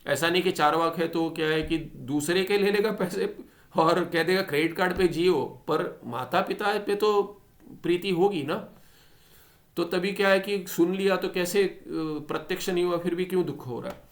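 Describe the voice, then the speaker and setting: A man teaching a Sanskrit philosophy text, animated and full of rhetorical questions, reading the Sanskrit lines slowly. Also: high voice. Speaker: teacher of scripture.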